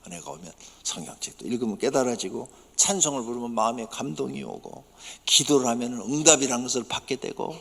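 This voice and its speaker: A man preaching a sermon as pastor, emphatic, dropping to soft low asides and rising to sudden loud bursts. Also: brisk, creaky, slightly rough. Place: church sanctuary. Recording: church sanctuary with long reverb.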